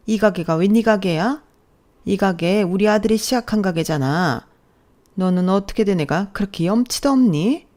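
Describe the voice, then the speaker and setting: A woman's voice: lowish voice, darkish tone, lightly acted. A woman voicing a brazen, scolding older mother-in-law who demands money, in a bossy, contemptuous radio-drama manner. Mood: scornful. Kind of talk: Korean radio drama story reading.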